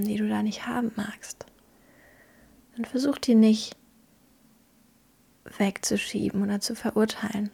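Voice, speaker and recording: Female meditation guide: hushed, husky-breathy near-whisper, gentle delivery with unhurried pauses. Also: medium pitch. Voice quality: soft, breathy. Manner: gentle, hushed, slow pauses between phrases. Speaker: podcast host guiding a meditation.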